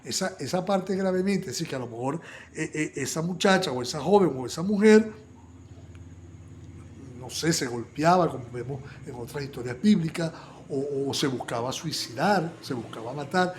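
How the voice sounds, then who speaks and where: A male preacher with a fairly high voice delivers a fervent Bible study sermon. He stumbles into repeated words and restarts, then rises into loud, urgent stretches before dropping back to quiet, intimate asides. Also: lively intonation, moderate pace, a little hiss or hum. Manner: fervent, many restarts and repetitions, swings between loud bursts and quiet asides.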